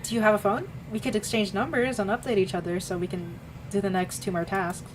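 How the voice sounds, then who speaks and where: A mellow, soft-spoken young man who draws, shy and easygoing, read aloud by a woman streamer. He keeps his voice low and quiet, a visual novel love interest. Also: steady tone, fairly quick, background noise, natural voice. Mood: low-key. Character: calm young male art student, shy and laid-back.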